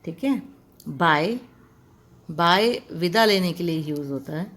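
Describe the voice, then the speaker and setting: A woman's voice: on the low side, lively intonation, brisk. A woman teaching an English lesson, spelling words out letter by letter and drawing out each sound. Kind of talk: classroom-style language lesson.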